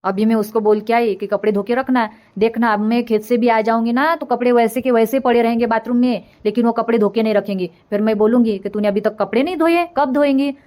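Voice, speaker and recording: Cartoon casting: a woman as a grumbling older mother-in-law, a little high-pitched, scolding and rambling. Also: steady tone, quick pace, hardly any pauses, mellow, close to an everyday voice. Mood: complaining. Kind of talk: comic cartoon voice acting.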